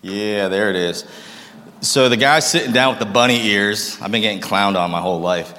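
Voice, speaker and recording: A man's voice: on the low side, normal speed, bright, forceful tone, a little hiss or hum. A man in his thirties from Massachusetts, telling his life story to an audience in a casual, self-deprecating way and joking with the crowd. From Massachusetts, United States. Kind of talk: personal testimony talk to an audience. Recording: long reverb of a large room.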